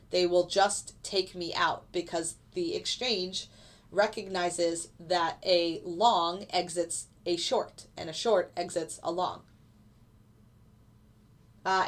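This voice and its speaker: A woman with a stuffy, congested voice from a cold, explaining her live trades casually and answering viewer questions with fillers. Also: fairly low pitch. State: stuffy nose from a lingering cold. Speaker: futures day trader streaming live. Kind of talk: live trading commentary answering chat.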